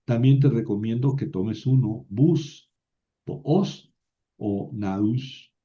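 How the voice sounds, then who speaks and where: Slow, patient teacher. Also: male voice, mid-range voice, mellow. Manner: patient, halting explanation with many fillers and tag questions. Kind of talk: lecture on grammar. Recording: slightly dull, lo-fi sound.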